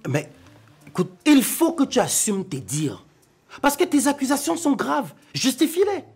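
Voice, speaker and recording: A stern cameroonian husband, firm commanding tone, husky voice, lively pitch, faint music behind. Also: male voice, measured pace, exaggerated voice. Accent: Cameroonian French. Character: stern middle-aged husband, head of the house. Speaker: husband defending his wife.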